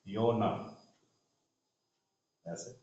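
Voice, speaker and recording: A man explaining shorthand in a classroom, spelling out letters as he writes and often trailing off softly. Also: fairly low pitch, extremely slow. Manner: talks while writing on a board, spells letters aloud, trails off softly. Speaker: shorthand teacher. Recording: echoey dull room recording.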